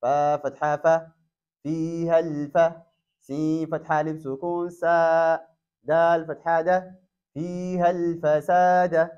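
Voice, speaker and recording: Slow high-voiced man spelling Quran verses. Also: level tone, a little mellow, clean tone. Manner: spells each letter and vowel mark, then blends syllables into words. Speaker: Quran teacher. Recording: dull lo-fi recording.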